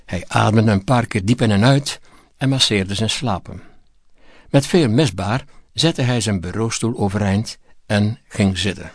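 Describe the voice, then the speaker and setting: A man narrating a story in a measured, scripted audiobook reading. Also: lowish voice, dry recording, studio quality.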